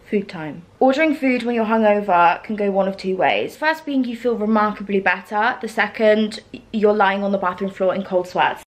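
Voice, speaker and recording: A woman's voice: mid-range voice, normal speed. Scatty, hungover young woman vlogging, noisy recording. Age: early twenties. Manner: playful, gushing slang. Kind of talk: casual chatty vlog to camera.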